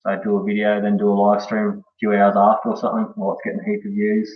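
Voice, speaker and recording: A fairly low, monotone male voice moves at a quick pace. The Australian speaker chats loosely on a live stream, using slang and often finishing with "eh" or "bro," while sitting far from the mic in a dull room full of echo.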